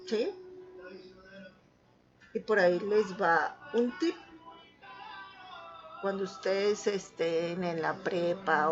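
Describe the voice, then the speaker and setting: A woman's voice: lowish voice, lo-fi sound. A woman teacher with a Mexican accent giving an online class lecture, patiently checking understanding as she goes. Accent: Mexican Spanish.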